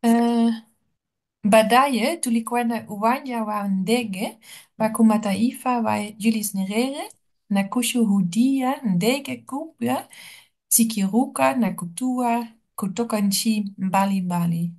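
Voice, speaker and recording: Female language student, hesitant and searching, slow delivery with frequent fillers. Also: a little high, darkish tone. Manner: hesitant, thinking aloud with many uh fillers. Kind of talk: one-on-one language lesson.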